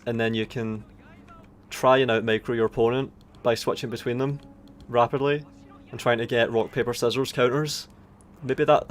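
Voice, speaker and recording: A man with an Aberdonian Scottish accent giving casual, sweary live commentary on a strategy game, thinking aloud in a halting way. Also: medium pitch. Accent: Aberdonian Scottish (Doric). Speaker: esports tournament commentator. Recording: background noise of game battle ambience. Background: strategy game battle sounds.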